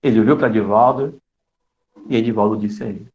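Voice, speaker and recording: A man giving an online spiritist lecture in an expressive storytelling manner, with dramatic shifts in his voice. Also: lowish voice, a little fast. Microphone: computer mic on a video call. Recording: dull lo-fi online call audio.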